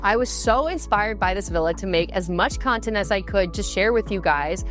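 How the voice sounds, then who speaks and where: A woman's voice: mid-range voice, expressive, normal speed, fairly bright tone, soft background music. A young woman narrating her travel vlog and chatting to the camera, bubbly and gushing, recorded outdoors at a tropical resort. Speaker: travel vlogger.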